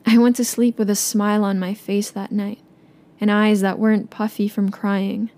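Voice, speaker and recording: A young woman, a native Tagalog speaker, narrating a personal story in a soft, subdued way. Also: mid-range voice, flat delivery, moderate pace.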